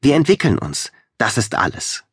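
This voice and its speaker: A man's voice: mid-range voice, wildly swooping pitch, normal speed, husky, no room sound, clean studio sound, heavily acted. A man reading the part of an earnest, worried young woman researcher in an audiobook, lifting his voice for her.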